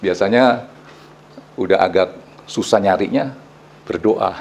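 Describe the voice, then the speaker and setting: A middle-aged male pastor, preaching a sermon in a lively, storytelling way full of casual slang. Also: deep voice, takes it slowly.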